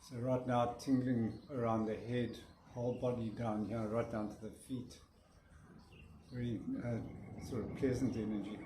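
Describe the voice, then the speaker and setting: Mellow man demonstrating breathing in an echoey room. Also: medium pitch, little pitch movement, moderate pace. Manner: rambling, restarts sentences, yawns. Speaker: breathwork teacher. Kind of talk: casual demonstration. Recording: roomy echo with faint noise.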